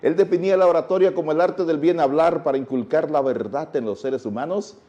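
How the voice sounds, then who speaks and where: A Dominican man speaks as a guest teacher in a TV interview. His voice is mellow and dark, and the sound is dull and lo-fi. He lectures patiently and poses rhetorical questions. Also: a little high, fairly quick. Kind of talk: TV interview, explaining.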